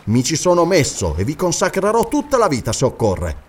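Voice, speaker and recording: A man's voice: fairly high pitch, huge pitch swings, a little fast, husky, exaggerated voice. A man reading the part of a determined nobleman who earnestly addresses his companions in a storybook. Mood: resolute. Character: determined male nobleman leading an expedition.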